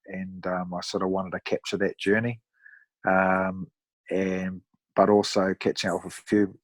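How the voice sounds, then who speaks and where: A man in his thirties with a broad New Zealand accent, chatting casually as a podcast guest in a laid-back, matey, rough-around-the-edges way. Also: low voice, flat delivery, measured pace, no echo. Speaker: podcast guest, amateur endurance athlete. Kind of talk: casual conversational storytelling.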